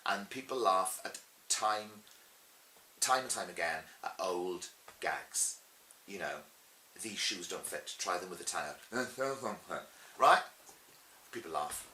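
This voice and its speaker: In an animated interview, a middle-aged man who performs pantomime shares stories with chatty, dramatic emphasis. He speaks slowly in a low, expressive voice with a sharp edge, against a roomy echo and slight hiss.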